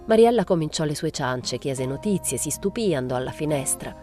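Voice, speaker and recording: A woman reading a novel aloud in a measured, plain literary way. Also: low-pitched, expressive, warm tone, faint music behind. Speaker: reader.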